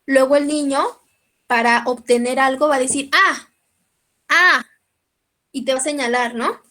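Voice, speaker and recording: Mexican woman teacher lecturing, high voice, keeps checking the class is following. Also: steady tone, a little fast. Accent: Mexican Spanish. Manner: checks in with listeners often, clears her throat.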